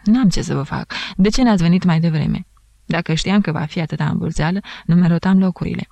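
A woman's voice: lowish voice, creaky, mellow, dry recording, dull audio. A woman voicing a stern, commanding male court president in an audiobook. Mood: exasperated.

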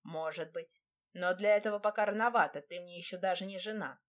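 A woman voicing a gruff, stubborn young mountain lord who talks curtly and mocks his bride. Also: fairly low pitch, a little fast, natural voice. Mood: guarded. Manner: curt, mocking, stubborn. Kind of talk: audiobook character reading.

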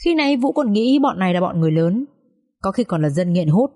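A woman narrating a dramatic audiobook story with steady, expressive delivery. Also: mid-range voice, a little fast.

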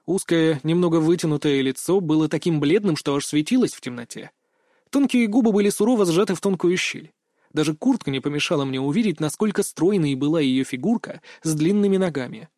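A man narrating an audiobook in the first person, in a brisk storytelling manner. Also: fairly high pitch, lively intonation, a little mellow, dry recording, clean studio sound.

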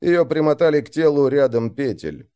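A man narrating a dark first-person adventure story, slowing down and raising his voice for the shouted lines of other characters. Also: on the high side, very animated, clear, resonant tone.

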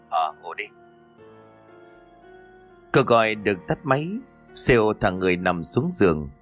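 A man reading a horror audio story aloud in a steady storytelling voice. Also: on the low side. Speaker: narrator. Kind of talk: scripted horror narration.

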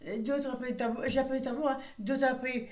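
Distant woman in roomy sound, halting. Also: high-pitched, fairly even intonation, darkish tone. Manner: slow, halting. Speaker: resident interviewer. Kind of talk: conversational interview. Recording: roomy, from far off.

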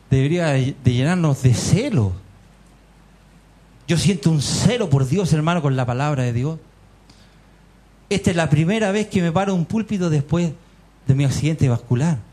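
A man's voice: fairly high pitch, mellow, breathy edge. A man with a Chilean accent preaching a fervent sermon in a church meeting hall, firing rhetorical questions and calling his listeners brothers. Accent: Chilean Spanish. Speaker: lay preacher.

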